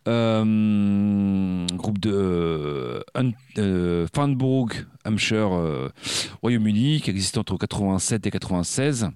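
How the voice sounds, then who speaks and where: A man with a low-pitched voice co-hosts a casual music radio show. He talks haltingly, filling gaps with hesitations as he recalls band details. The studio sound is dry and close. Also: a little mellow, clear, resonant tone, no room sound. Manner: hesitant, many filler pauses. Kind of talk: casual radio chat about punk records.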